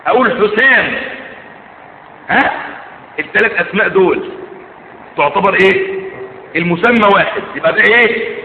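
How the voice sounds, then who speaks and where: A man's voice: high voice, gravelly, a little hiss or hum. A man with an Egyptian accent gives a religious lesson in a large hall, breaking off constantly to quiz his listeners with short check questions. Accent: Egyptian Arabic. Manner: keeps quizzing listeners with quick check questions. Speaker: religious teacher. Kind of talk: classroom lecture. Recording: tinny phone-like sound in an echoey hall.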